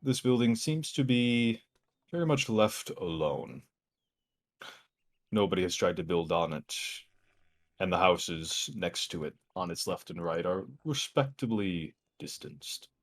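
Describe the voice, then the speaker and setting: A man narrating a tabletop game as game master in a measured, descriptive way. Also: low-pitched, animated.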